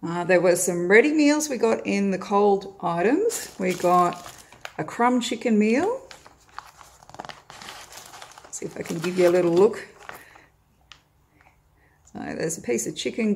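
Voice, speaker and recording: Here's an Australian woman in middle age, at home with a table of groceries she films from above on her phone for her vlog. She speaks at medium pitch, unhurried and gravelly, a little mellow, leaving long pauses, with slight background noise. The chat stays friendly and is peppered with "uh" fillers.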